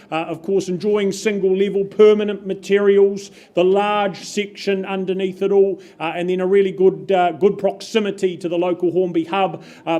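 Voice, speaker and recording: Kiwi auctioneer guy rattling off bids, kinda muffled by his mask, pretty high voice. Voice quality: slightly muffled by a face mask. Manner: brisk, upbeat patter, repeating bids. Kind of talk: rapid auction calling. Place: auction room.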